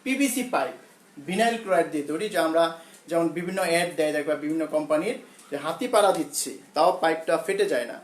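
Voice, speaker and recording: A male school teacher with a Bangladeshi Bengali accent gives a science lesson, slowly repeating key terms for his students. His voice is on the high side and expressive, and he often pauses with fillers and corrects himself. The roomy recording sounds rough.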